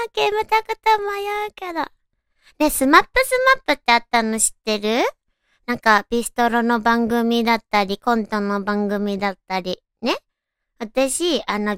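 A woman with a high, cute anime-girl voice, hosting a casual solo radio chat and musing aloud to listeners. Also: fairly bright tone, clean tone, no echo, studio quality. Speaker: radio show host.

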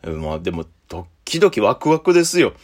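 A young man with a Kansai accent tells a comic story as a solo monologue. His pitch swings widely and keeps the telling lively. He jumps high for the punchlines and sinks low and quick for the asides. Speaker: stand-up comedian.

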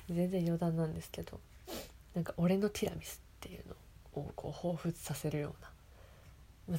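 A woman who whispers softly as she reads passages aloud and comments on them, giggling often. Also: sits low, slight background noise. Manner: soft whispering, frequent giggles. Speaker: host of a reading segment.

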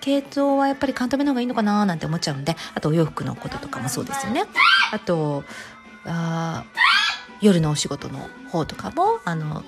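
A woman's voice: brisk, loud music behind the voice. A woman from Kansai, talking casually as host of her own channel, chatty and full of fillers. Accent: standard Tokyo-style Japanese. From Kansai, Japan. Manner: chatty, many fillers, lively pitch. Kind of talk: casual solo talk.

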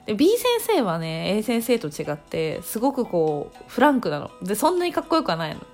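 A woman around thirty, a podcast host telling a story at home in a casual, animated way and laughing often. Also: medium pitch, fairly quick, faint music behind.

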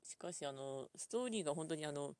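A woman talking alone in a casual, rambling way, full of fillers, thinking aloud at her computer and drifting into quiet mumbles. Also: low-pitched, animated, a little fast, dry recording. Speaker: solo podcast host.

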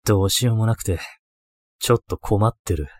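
A man's voice: fairly low pitch, brisk, no room sound, voice pushed down, natural voice. Man doing an eccentric male occult mentor, ghost story dialogue, terse, wistful, matter-of-fact, dry recording.

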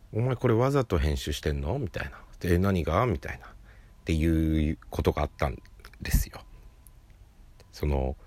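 A man with a very low voice chats on his own podcast, rambling from one gripe to the next. He speaks close to the mic in a dry room and often drops his voice to a mutter when he mocks himself. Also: darkish tone, no room sound. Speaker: podcast host. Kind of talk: casual solo chat.

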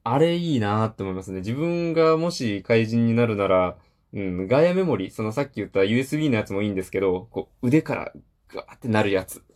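A man's voice: lowish voice, lively intonation, fast talker, darkish tone. A man hosting a casual solo talk show, rambling with many fillers and self-deprecating asides. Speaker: solo podcast host.

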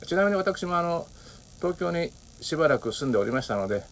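A man hosting a solo audio talk, speaking politely and thoughtfully with many pauses and fillers. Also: a little high, very animated, slight background noise. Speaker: podcast host.

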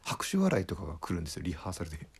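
Comedian guy spinning a story, deep voice, kinda husky, acts out the quotes. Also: racing. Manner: lively retelling, acting out quoted lines with chuckles. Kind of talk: casual storytelling monologue.

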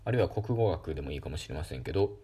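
Brief: low-pitched male host, calm lecture talk with lively pitch swings, lots of fillers. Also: very fast, breathy edge. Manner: calm, explanatory, with frequent fillers. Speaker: podcast host. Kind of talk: solo educational talk.

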